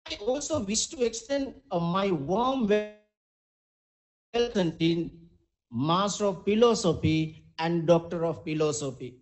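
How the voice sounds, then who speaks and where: A man with a notably high voice and a Sri Lankan accent delivers a formal welcome speech. His phrasing is ceremonious and halting, as if reading out a prepared address. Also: a little mellow, low-quality recording. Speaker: faculty dean giving a welcome address.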